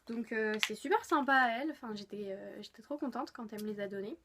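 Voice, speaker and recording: A woman's voice: a little high, fast, fairly bright tone. Gushing young woman beauty vlogger. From France. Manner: chatty, gushing, lots of fillers. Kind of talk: casual haul video chat.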